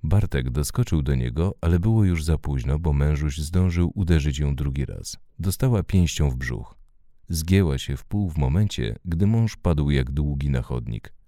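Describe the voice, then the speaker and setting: A man narrating an audiobook story in a measured, expressive way. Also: a bass voice, dry recording, clean studio sound.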